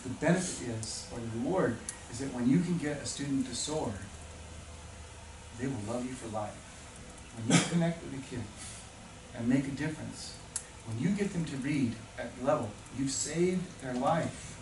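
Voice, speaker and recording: A man's voice: mid-range voice, normal speed, pauses often, darkish tone. Passionate male speaker in an echoey room. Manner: passionate, storytelling, rising to emphatic peaks. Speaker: teacher orientation speaker. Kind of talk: motivational talk to new teachers. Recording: echoey room, speaker far from mic, noisy.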